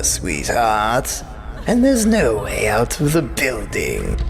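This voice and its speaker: Sadistic clown villain, slow and drawn-out, gravel in the throat, taunting and theatrical, for a comic-book audio drama. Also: male voice, mid-range voice, exaggerated voice. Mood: sweetly menacing. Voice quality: gravelly, cackling.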